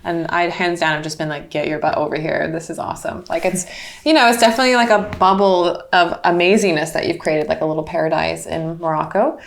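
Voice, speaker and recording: A woman's voice: on the low side, steady tone, fairly quick, vocal fry. A woman hosting a casual interview, bubbly and upbeat. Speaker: host.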